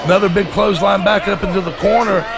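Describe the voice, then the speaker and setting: A man calling play-by-play as an excited wrestling commentator, shouting and exclaiming. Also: high voice, quick pace, creaky. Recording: loud music and crowd behind. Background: loud crowd and music.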